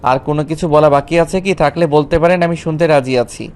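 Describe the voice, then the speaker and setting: A man playing a calm, devout young husband with a measured, polite manner in an acted audio love story. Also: fairly high pitch, soft background music, lightly acted. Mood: cool, teasing. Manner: measured, polite, formal address.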